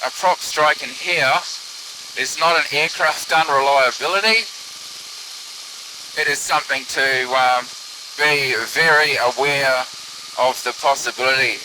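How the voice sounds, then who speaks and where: While flying an open microlight aircraft and filming his own flight, a man offers casual, musing running commentary through a pilot's headset, so he sounds like he's on the radio. His mid-range voice is a little slow, with long pauses, over a steady hiss of engine and wind.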